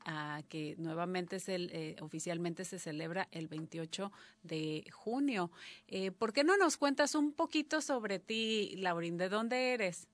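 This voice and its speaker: A woman hosting a live interview who pauses often with fillers as she talks. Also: on the low side, no room sound. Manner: hesitant, many filler pauses. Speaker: host.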